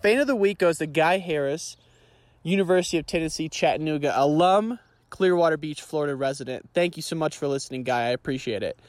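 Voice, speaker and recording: A man opening his podcast with a quick, upbeat intro, recorded on a phone with poor audio quality. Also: dry recording. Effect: low-quality phone recording. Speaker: podcast host.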